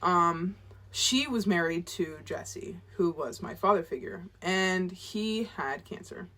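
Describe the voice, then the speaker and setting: A young woman in her twenties vlogs about her own work in a loose, rambling way. Her voice is bright and clear, and her pitch bounces around a lot. She pokes fun at herself as she goes. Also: expressive, slow pace. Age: 20s. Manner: rambling, self-deprecating, chatty. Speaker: author and vlogger. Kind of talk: casual vlog ramble.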